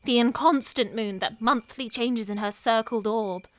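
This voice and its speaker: A woman performing a lovestruck, wary young noblewoman in a Shakespearean scene, her delivery moving between hushed and impassioned. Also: fairly high pitch, measured pace. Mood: longing. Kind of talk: Shakespearean stage acting.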